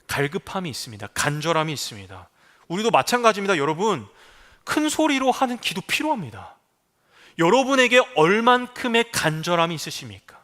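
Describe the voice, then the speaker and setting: Lively, bright-voiced male pastor preaching. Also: high voice, brisk. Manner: emphatic preaching, acts out pleas and cries. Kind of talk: sermon.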